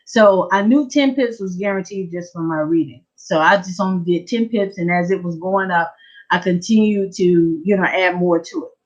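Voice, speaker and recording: A woman giving a lively testimony at a church prayer service, telling her story with animated energy. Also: on the low side, moderate pace. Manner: lively storytelling, acting out her own excitement. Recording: dull lo-fi church livestream.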